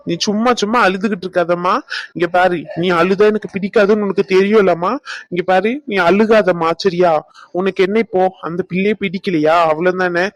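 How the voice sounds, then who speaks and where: A man voicing Raghu, a caring young man in a cartoon, firm but gentle and reassuring. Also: high-pitched, no echo, lightly acted. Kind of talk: cartoon voice acting.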